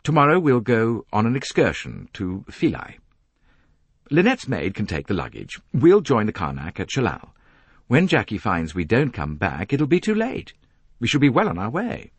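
For audiobook character dialogue, a man gives a full character voice as a young English gentleman, boyish and earnest with a touch of bluster, sounding worried. His British voice is husky with huge pitch swings at a moderate pace, recorded close and dry with no echo.

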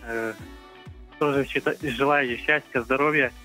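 A man calling in to a live show by phone, chatting casually and a little haltingly. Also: medium pitch, fairly even intonation, pushed and bright. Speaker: phone-in caller. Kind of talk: hesitant casual chat. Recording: phone call with faint music.

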